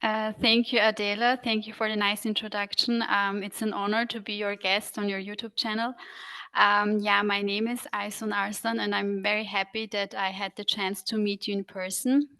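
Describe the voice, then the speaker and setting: A young woman from Austria, a guest on a podcast, telling her story in a steady, measured way with some fillers. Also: medium pitch, smooth, dry recording. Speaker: podcast guest, integration consultant. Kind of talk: conversational interview.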